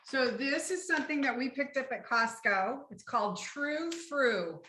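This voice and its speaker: A woman with a bright, slightly high voice co-hosts a sales call from home, chatty and enthusiastic. The sound is echoey, like a room picked up by a video call. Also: lively intonation, measured pace. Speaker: co-host of a sales opportunity call. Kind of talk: casual pitch over video call.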